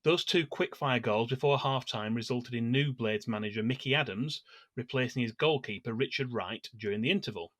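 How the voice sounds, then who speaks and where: A man co-hosting a football fan podcast, calmly reading prepared notes on past matches with small hesitations and fillers. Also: medium pitch, dry recording, studio quality. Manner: measured, steady delivery of scripted match history with small hesitations. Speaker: podcast co-host.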